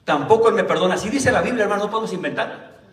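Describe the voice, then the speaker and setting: A male pastor preaching a Sunday sermon. He keeps calling the listeners "brother" and reads the scripture slowly and deliberately. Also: high-pitched, animated, fairly bright tone. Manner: tells personal stories in a plain conversational way. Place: church hall. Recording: roomy church hall, mic at a distance.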